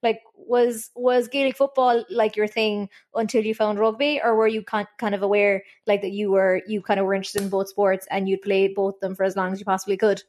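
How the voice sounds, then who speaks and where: A woman's voice: mid-range voice, level tone, a little fast, few pauses, a little mellow. Woman, interviewer, casual, lots of fillers, chatty, remote call. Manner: casual, filler-heavy questioning.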